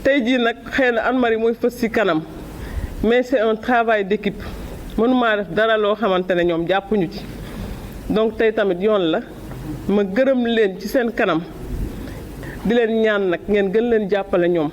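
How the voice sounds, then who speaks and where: A Senegalese woman giving an emotional farewell speech, halting and repeating words, crying with joy. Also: mid-range voice, fairly even intonation, a little hiss or hum, low-quality recording. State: tearful with joy, happy crying. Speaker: departing cultural centre director.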